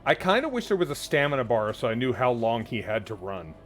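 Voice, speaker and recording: A man's voice: medium pitch, sing-song, brisk, faint music behind. A man giving casual, wry let's-play commentary while playing a game. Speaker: gameplay commentator.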